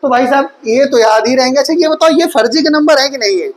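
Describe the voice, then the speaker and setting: A woman's voice: sits high, fast, slight background noise, low-quality recording. A woman teaching an online Hindi exam-prep class, drilling vowel sounds aloud and quizzing her students with rhetorical questions, calling them 'beta'. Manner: addresses students affectionately as 'beta'. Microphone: recorded for mobile viewers.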